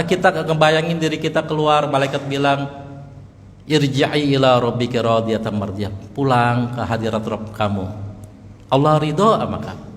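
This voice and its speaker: A male preacher giving a lively sermon in a mosque, joking with the congregation and chanting verses in melody. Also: mid-range voice, long reverb tail.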